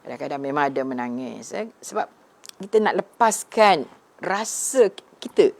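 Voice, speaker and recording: Middle-aged female religious teacher, low gravelly voice, gentle chatty delivery to an online audience. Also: lively intonation, normal speed. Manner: gentle, conversational, often tagging "ya" and addressing the audience. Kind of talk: live online religious talk, reading viewers' comments.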